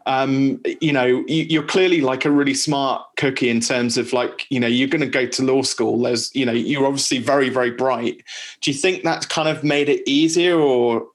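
A man hosting an interview and chatting with his guest. He wanders through his thoughts with restarts and asides. His pitch sits in a middling range for a man. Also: fairly even intonation, normal speed. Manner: meandering, chatty, full of restarts. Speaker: podcast host. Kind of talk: casual interview chat.

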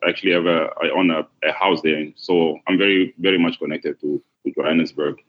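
A man from Congo, a podcast guest, talking in a relaxed, unhurried way with many fillers. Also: rumbling low. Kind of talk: casual interview. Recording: dull lo-fi sound.

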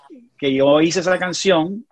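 A man's voice: fairly high pitch, measured pace. A middle-aged man with a Puerto Rican accent, a guest telling a personal story in casual conversation, earnest and often checking in with the listener. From Puerto Rico.

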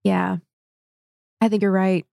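A woman co-hosting a podcast, chatting casually with quick agreeing interjections. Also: mid-range voice, flat delivery, vocal fry, darkish tone, dry recording, studio quality. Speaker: podcast co-host. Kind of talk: casual chat.

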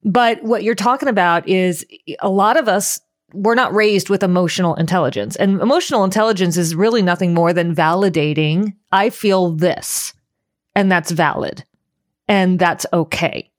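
Earnest lower-voiced woman life coach. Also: normal speed, dry recording, studio quality. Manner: earnest, animated, acts out quoted voices. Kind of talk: casual podcast chat.

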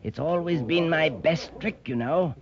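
Pompous scheming villain magician. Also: male voice, on the high side, a little slow, a crowd in the background. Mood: smugly scheming. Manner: pompous, wordy. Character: smooth-talking, scheming villain stage magician. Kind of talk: old-time radio adventure acting. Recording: dull lo-fi old radio, distant sound.

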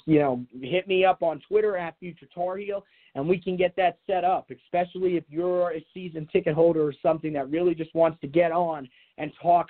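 A man hosting a sports podcast solo, talking casually and off the cuff in a rambling way with many filler phrases. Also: high voice. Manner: rambling, repeats filler phrases like "you know". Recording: tinny, narrow phone-like sound.

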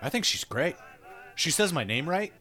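A man's voice: a little high, sing-song, moderate pace, sharp tone, soft background music. A man playing a playful Norse cook. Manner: playful, bantering. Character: cheerful male diner cook, ancient and Norse. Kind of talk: audio drama acting.

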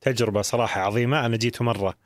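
A man's voice: medium pitch, steady tone, rapid-fire, no room sound, studio quality. A man hosting a casual interview, enthusiastic and repeating words for emphasis. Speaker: interviewer host.

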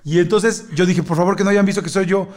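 A middle-aged man with a Mexican Spanish accent tells a story in casual conversation, his voice sitting high and moving fast. He animatedly acts out what the other people said, while a crowd can be heard in the background.

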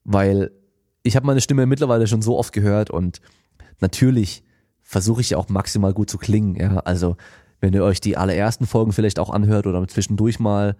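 Slangy, animated young male podcaster. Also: lowish voice, brisk, no echo, clean studio sound. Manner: animated, slangy storytelling, acts out quoted lines. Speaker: podcast host. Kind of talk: casual monologue. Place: home studio, seated. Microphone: podcast microphone.

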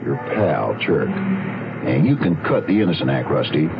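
An actor playing a hard-boiled, dogged detective with the clipped, dry talk of a 1930s beat cop in an old-time radio crime drama. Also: male voice, very deep voice, very animated, unhurried, vocal fry, background noise, full character voice. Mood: cool, accusing. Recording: dull lo-fi radio recording, loud music.

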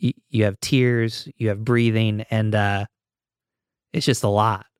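A man's voice: lowish voice, flat delivery, unhurried, clean tone, no echo, clean studio sound. A man hosting a podcast, asking questions in a casual, conversational way with plenty of fillers. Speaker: podcast host.

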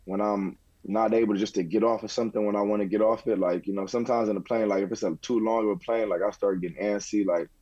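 Mellow low-voiced man, halting chat. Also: steady tone, slightly rough, no echo, dull audio. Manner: halting, repeats words, laid-back. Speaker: podcast contributor. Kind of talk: casual chat.

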